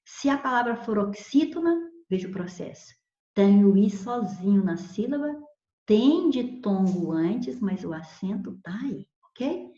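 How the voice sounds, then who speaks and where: Lady teacher going thru spelling rules, slow n patient, echoey lo-fi recording. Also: medium pitch, animated, mellow. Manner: patient, repeats examples, checks with "ok?". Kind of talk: recorded grammar lesson. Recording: echoey room, dull lo-fi sound.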